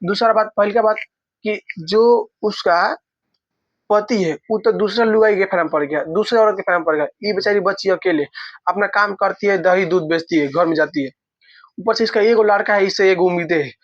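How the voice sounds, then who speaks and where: A man's voice: sits high, fairly quick, no echo, dull audio. A male teacher retells a story to his class and explains it, asking questions and repeating himself, using dialect words.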